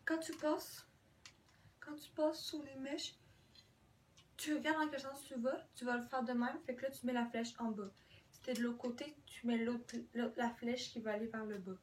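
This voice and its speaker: A woman's voice: on the high side, steady tone, normal speed. A woman with a Québécois accent chatting through a casual product demo vlog, full of hesitations and dropped English words. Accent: Québécois French. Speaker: beauty vlogger. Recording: distant mic, faint room noise.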